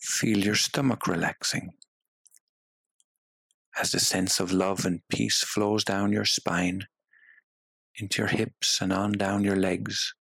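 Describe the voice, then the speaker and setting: Man, meditation guide, deep voice, husky, unhurried, soothing hypnotic delivery. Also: level tone, a bit bright, no room sound. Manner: slow, soothing and hypnotic, with long pauses.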